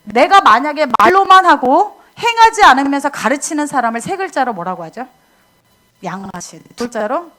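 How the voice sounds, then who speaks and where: Woman speaker, middle-aged, church lecture; high, swooping delivery, playful asides and acted-out scolding. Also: normal speed. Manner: animated, acts out scolding voices, chatty asides to audience. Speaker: missionary speaker at a youth camp.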